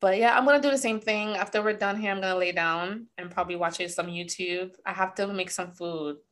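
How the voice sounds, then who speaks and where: Woman podcast host, casual candid talk, expressive, laughs often, swears freely. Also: mid-range voice, fairly quick.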